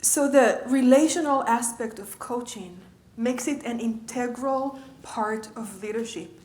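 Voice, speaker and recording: Female coach lecturing a class, engaging tone, slightly high voice, roomy recording. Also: a little slow, darkish tone. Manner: engaging, checks in with the audience often. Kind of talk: conversational lecture. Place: lecture room.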